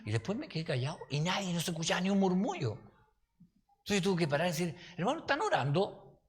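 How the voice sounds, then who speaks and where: Un pastor con acento chileno que da un estudio bíblico en tono de charla, con anécdotas y preguntas como "¿ya?" a los oyentes. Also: male voice, high-pitched, quick pace. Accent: Chilean Spanish. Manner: folksy, anecdotal, asks listeners "¿ya?". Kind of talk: conversational Bible-study sermon. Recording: reverberant hall.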